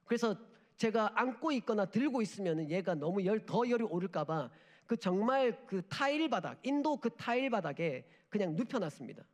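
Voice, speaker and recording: A man in his thirties, a missionary preaching a sermon in a church sanctuary, moving between forceful urging and hushed, near-whispered moments. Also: high-pitched, big pitch swings, moderate pace. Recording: long hall reverb.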